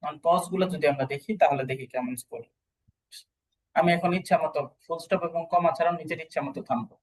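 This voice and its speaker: A man's voice: fairly high pitch, quick pace, poor audio. A man teaching an online exam-prep class, explaining step by step and checking that students follow. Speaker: PTE exam instructor.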